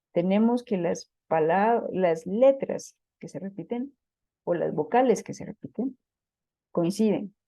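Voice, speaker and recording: A woman's voice: medium pitch, vocal fry, warm tone, no echo, dull audio. A woman teaching a lecture on Spanish verse, explaining patiently and often checking in with her students. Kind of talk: classroom lecture on poetry.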